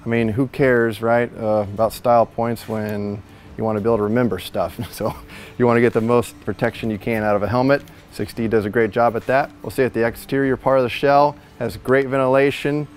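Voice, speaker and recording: A man in his thirties in a warehouse, giving a chatty, jokey product walkthrough on a lapel mic and laughing at his own slips. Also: mid-range voice. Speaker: store product reviewer. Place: large warehouse, indoors.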